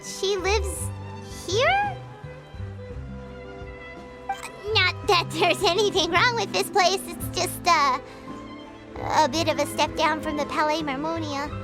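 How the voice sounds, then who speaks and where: Game sidekick: childlike fairy, squeaky, very high, bouncy intonation, cheeky and excitable, over loud music. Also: female voice, measured pace. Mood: doubtful. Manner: squeaky, exclamatory, speaks of self in third person. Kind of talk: video game voice acting. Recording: prominent music behind the dialogue.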